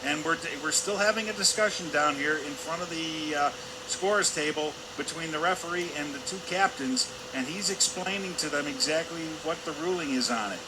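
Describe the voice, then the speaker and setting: A man with a fairly high, brisk voice gives live color commentary on a hockey game, conversational and wandering in style. The arena's ambience comes through clearly behind him.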